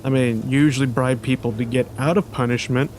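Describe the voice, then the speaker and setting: Casting note: man, mid-pitched, sweary and sarcastic gameplay commentator, faint noise behind. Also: fairly even intonation, fairly quick, a little mellow. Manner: sweary, sarcastic, frequent outbursts. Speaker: gaming video host.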